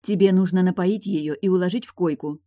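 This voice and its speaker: A woman reading an audiobook, voicing a brash, sharp-tongued retired guardswoman who is mocking, blunt and pushy. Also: fairly low pitch, a little fast, no echo, clean studio sound, voice pushed up, lightly acted. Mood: scheming.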